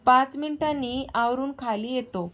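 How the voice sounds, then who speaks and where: A woman storyteller narrating a family story in a calm, steady reading voice. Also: high-pitched, normal speed.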